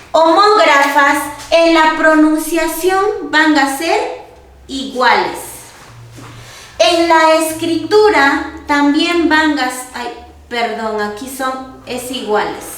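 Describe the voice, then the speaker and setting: High-voiced teacher woman in an echoey room. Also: a bit bright. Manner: poses questions to the class and answers them herself, repeats key points. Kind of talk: classroom grammar lesson. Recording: very echoey room, voice far from the mic.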